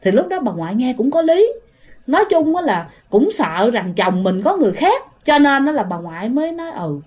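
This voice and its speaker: Woman, Southern Vietnamese accent, casual ghost-story teller, lively rising and falling voice, fairly high. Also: a little fast. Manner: chatty, often speaks to listeners directly.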